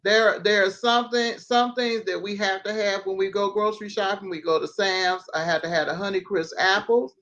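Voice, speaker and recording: A woman hosts a relaxed livestream chat over a video call, running through one item after another at an easy pace. Her voice sits mid-range. The audio is dull and lo-fi. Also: mid-range voice, moderate pace, few pauses. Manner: chatty, lists things at an easy pace. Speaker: host.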